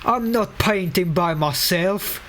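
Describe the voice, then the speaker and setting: A man's voice: high voice, slow pace, a bit bright. A man doing an indignant working-class painter. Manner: indignant read-aloud complaint in a put-on voice. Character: grumpy working-class male painter, annoyed at missing crew.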